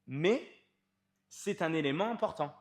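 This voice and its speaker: A man's voice: on the high side, lively intonation, unhurried. A man, a fitness coach explaining training to the viewer in an informal, emphatic way, stretching key words.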